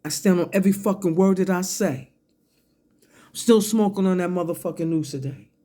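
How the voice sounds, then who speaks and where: A mellow, medium-pitched voice moves a little fast through an aggressive, swear-laden online rant, dragging out words one by one for emphasis. The speaker keeps sipping a drink, coughing and clearing their throat between phrases.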